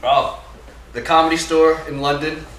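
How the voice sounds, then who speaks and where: A man's voice: fairly high pitch, little pitch movement, normal speed, a bit bright. A man from New Jersey, a stand-up comedian, talking casually in an interview, chatty with lots of fillers and restarts. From New Jersey, USA. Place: theater. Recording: echoey, distant, noisy theater recording.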